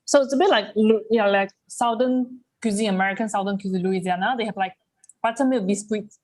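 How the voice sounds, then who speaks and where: A woman's voice: medium pitch, brisk, a little mellow. A woman hosting a casual live online cooking class, enthusiastic and chatty as she tastes the food. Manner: enthusiastic, talks while tasting food. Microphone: video call.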